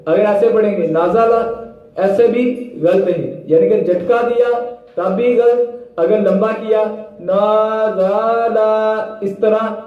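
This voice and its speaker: A man teaching Quran reading, slowly spelling out syllables and chanting them in drawn-out tones between plain explanations. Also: high voice, very echoey, phone-quality sound. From Pakistan. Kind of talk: slow spelled-out recitation lesson.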